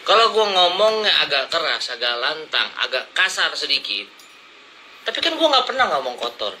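A man's voice: a little high, very animated, normal speed, sharp tone, a little hiss or hum, poor audio. A man ranting at his critics in blunt, confrontational slang, lecturing them from his seat. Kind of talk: heated casual rant to camera. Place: seated indoors, smoking and drinking coffee.

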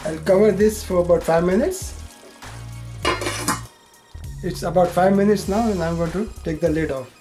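An older man, host of a home cooking show, giving calm, plain step-by-step cooking instructions. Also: high-pitched, a little fast, music in the background.

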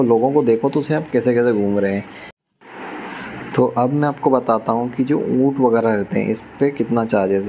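A man's voice: medium pitch, vocal fry, mellow, slight background noise. A young man chatting enthusiastically as a travel vlogger, talking to viewers while filming outdoors on a phone. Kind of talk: casual travel vlog narration.

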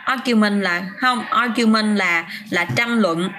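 A woman's voice: mid-range voice, slow, pushed and bright, slight background noise. A woman teaching English vocabulary on a casual livestream, chatting, answering viewers' comments by name and often restarting her sentences.

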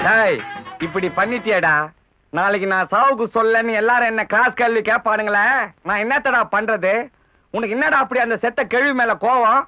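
An actor plays a blustering middle-aged elder in a film comedy, scolding in exasperated bursts. His voice sits high. The film sound is dull, with faint music under it. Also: a little fast, close to an everyday voice. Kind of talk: Tamil film comedy acting.

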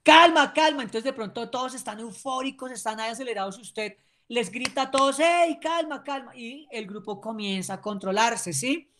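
A woman gives a recorded sports training lecture, speaking emphatically and often checking in with the class. Her voice sits a little on the high side. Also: a little fast, a bit bright.

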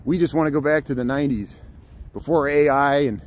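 With traffic audible all around, a fairly high-voiced, middle-aged man from Indiana chats for a walk-along livestream in a city park. His Midwestern American speech is casual and halting, hopping between subjects as he rambles.

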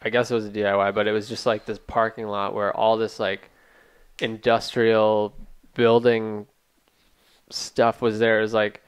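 Easygoing podcast host, man in his thirties, smooth low voice, dry studio mic. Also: level tone, moderate pace, no room sound. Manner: easygoing storyteller, agreeable. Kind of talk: casual chat. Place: small studio room, indoors. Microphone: boom mic with headphones.

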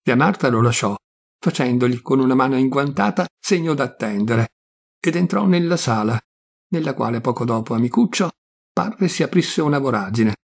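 An Italian man reading a literary short story aloud in a measured, expressive way, with a husky, gravelly voice. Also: mid-range voice. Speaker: audiobook reader.

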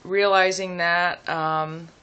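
Bright-voiced young woman, slow and reflective. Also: on the low side, level tone, smooth, dull audio. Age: young adult. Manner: hesitant, reflective, thinking aloud with pauses. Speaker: vlogger. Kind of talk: casual, rambling personal chat to camera. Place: small room at home, seated indoors.

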